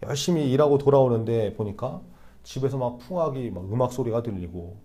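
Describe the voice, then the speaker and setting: Mellow-voiced young male youth preacher. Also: mid-range voice, expressive, brisk. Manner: conversational, asks the listeners rhetorical questions. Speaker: youth pastor. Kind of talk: sermon.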